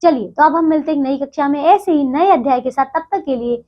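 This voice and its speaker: A woman's voice: high-pitched, fast talker, highs cut off. A woman teacher explaining a textbook chapter to young children, checking in with them again and again as she goes. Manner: addresses children, repeats "ठीक है बच्चों" often.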